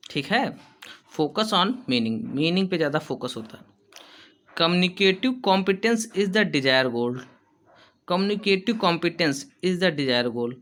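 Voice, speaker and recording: स्पष्ट आवाज़ वाला पुरुष शिक्षक, परीक्षा की तैयारी करवाता हुआ. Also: male voice, a little high, fairly bright tone. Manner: reads English lines slowly, then explains in quick Hindi. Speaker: teacher. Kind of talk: exam-prep lecture explaining notes.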